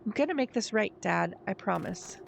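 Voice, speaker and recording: A woman's voice: mid-range voice, lively intonation, normal speed, creaky, slight background noise. A woman voicing an earnest, grieving but determined young boy in a video game, sounding plaintive and sincere. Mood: resolute.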